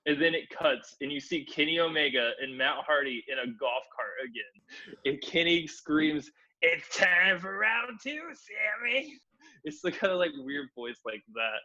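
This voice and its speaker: A man's voice: medium pitch, moderate pace, sharp tone, highs cut off. A man co-hosting a casual review podcast, swearing freely and laughing as he recaps the action. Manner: profane, laughs through recaps. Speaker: podcast co-host. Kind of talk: casual wrestling review chat.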